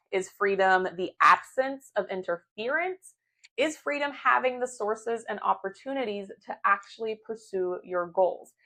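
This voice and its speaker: A woman's voice: mid-range voice, a bit bright. Woman professor posing questions. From United States. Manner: clear, explanatory, asks many rhetorical questions. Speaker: philosophy professor. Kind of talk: scripted lecture to camera.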